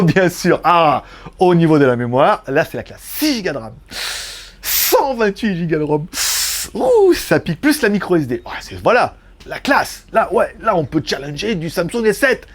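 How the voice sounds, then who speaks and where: Guy doing a phone review, chatty, jokes around, voice jumps up and down a lot. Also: on the high side. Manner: chatty, joking, lots of fillers. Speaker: tech reviewer. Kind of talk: casual product review.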